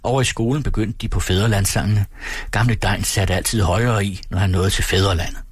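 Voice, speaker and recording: A man from Denmark reading a novel aloud on his radio show, calm and measured. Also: lowish voice, slightly rough, no echo.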